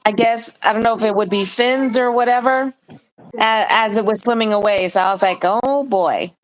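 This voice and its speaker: A woman's voice: on the high side, moderate pace, slight background noise, poor audio. A middle-aged woman from Guam, hosting a live stream in casual, chatty talk.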